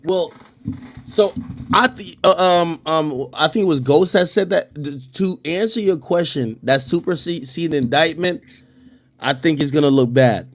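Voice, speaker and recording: A man's voice: a little high, unhurried. A man in a casual online audio chat, explaining a legal situation step by step with frequent restarts. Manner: explains step by step, many restarts, laughs easily. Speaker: commentator.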